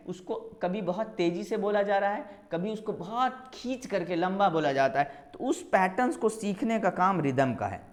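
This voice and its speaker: महिला टीचर, परीक्षा वाला लेक्चर, हर बात दोहरा दोहरा के समझाती है. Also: female voice, lowish voice, roomy sound. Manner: explains step by step, repeating key terms; mixes in English terms. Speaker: English literature teacher. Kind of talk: exam-prep lecture.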